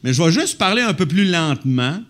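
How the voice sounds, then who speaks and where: A man's voice: fairly high pitch, big pitch swings, fairly quick, a bit bright. A man with a Québécois accent, a comedian telling stage anecdotes in casual chat and swearing lightly. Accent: Québécois French. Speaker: comedian guest.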